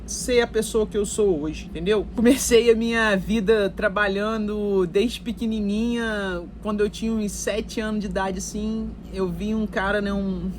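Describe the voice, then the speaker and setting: A woman's voice: a little high, a little hiss or hum. A Brazilian woman talking casually to her viewers, telling her life story in a chatty way with lots of fillers and asides. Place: recording while in Canada.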